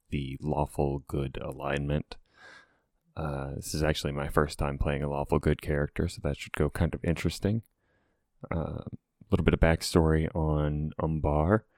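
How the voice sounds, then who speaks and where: A man with a strikingly deep voice and very little rise and fall in his pitch. He talks in a halting, meandering way, casually introducing himself as a tabletop game player. The sound is dry, with no room echo. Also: level tone, a little mellow.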